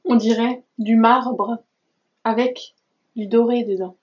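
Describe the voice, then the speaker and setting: A woman's voice: a little high, steady tone, slow pace, highs cut off. A woman vlogger chatting casually through a craft haul, enthusiastic and gushing, with many hesitations and little asides. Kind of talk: casual chatty vlog talk.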